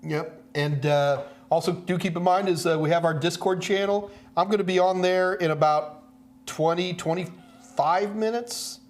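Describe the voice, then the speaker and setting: Higher-voiced man hosting a livestream. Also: normal speed. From Houston, Texas area. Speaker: host of a live Q&A stream. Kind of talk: casual livestream chat. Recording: clear background noise with hum.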